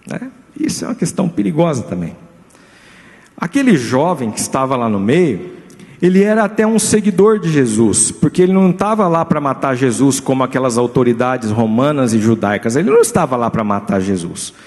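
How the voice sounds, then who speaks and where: A man who is a pastor with a Brazilian Portuguese accent, preaching a lively sermon and putting many questions to his congregation. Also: medium pitch, brisk. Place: church hall. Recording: live church recording with long reverb.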